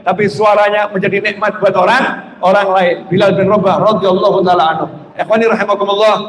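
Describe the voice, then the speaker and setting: A man preaching an Islamic sermon for a live stream, lively, sometimes chanting prayers and mimicking shouting. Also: sits high. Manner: lively, rises loud when mimicking shouting, chants zikir. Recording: echoey hall with faint noise.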